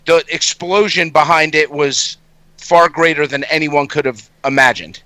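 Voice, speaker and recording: A man's voice: on the high side, measured pace, bright, forceful tone, no echo. A man hosting an interview show, chatting casually and enthusiastically about sports.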